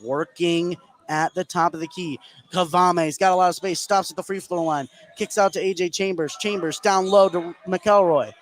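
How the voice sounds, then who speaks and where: A man with a high, steady-toned voice calls live basketball play-by-play on the radio at normal speed, narrating continuously as the action unfolds.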